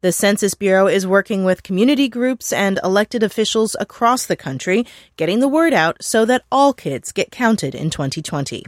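A woman's voice: mid-range voice, animated, normal speed, hardly any pauses, no room sound. Woman radio reporter, dry sound. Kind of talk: scripted news narration.

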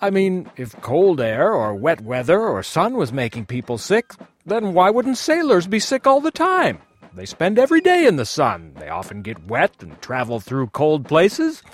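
A man's voice: on the high side, wildly swooping pitch, moderate pace. A man playing a pompous, inquisitive eighteenth-century inventor, musing theatrically in a children's audio skit. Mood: reasoning.

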